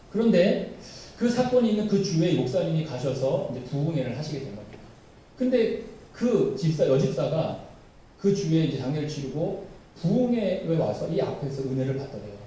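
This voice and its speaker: Animated pastor in an echoey church. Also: male voice, a little high, normal speed, a little hiss or hum. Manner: animated, addresses the congregation directly. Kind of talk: sermon. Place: church sanctuary. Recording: very echoey church hall, voice from far off.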